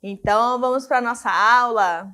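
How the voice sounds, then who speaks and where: A woman's voice: a little high, moderate pace, sharp tone. A woman with a Brazilian Portuguese accent teaching a recorded grammar lesson, speaking straight to her students and checking in with them often. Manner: didactic, addresses students directly with frequent check-ins.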